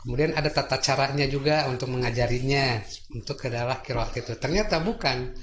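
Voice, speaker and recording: A man's voice: mid-range voice, a bit bright. Guy giving a religious talk, lots of "eh" and repeats, roomy echo. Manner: explains slowly with many fillers and repetitions. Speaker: religious teacher. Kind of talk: religious lecture. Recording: echoey room with faint noise.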